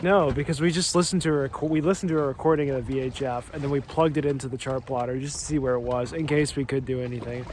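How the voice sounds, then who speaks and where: A man's voice: medium pitch, steady tone, quick pace, hardly any pauses. A man narrating casually for a sailing vlog, recorded outdoors on a boat under way. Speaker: sailing vlogger. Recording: loud boat and water noise.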